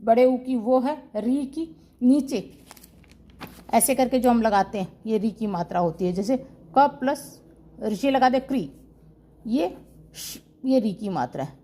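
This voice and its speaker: A woman's voice: on the high side, slow pace, long pauses, mellow. A woman teaching Hindi grammar in an online class. She asks her students questions, answers them herself and repeats the key terms.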